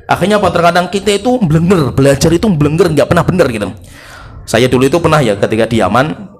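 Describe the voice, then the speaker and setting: A middle-aged man from Indonesia giving a lively religious sermon, repeating key phrases and acting out how letters are pronounced. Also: fairly high pitch. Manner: animated, repeats key phrases, imitates Arabic sounds. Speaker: Islamic preacher.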